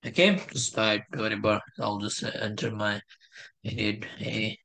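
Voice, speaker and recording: A man's voice: lowish voice, fairly even intonation, measured pace, gravelly, sharp tone. A young man from Nepal giving a casual step-by-step screen-share tutorial on a headset mic at home, with many fillers and restarts. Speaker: test prep tutor. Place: indoor home room.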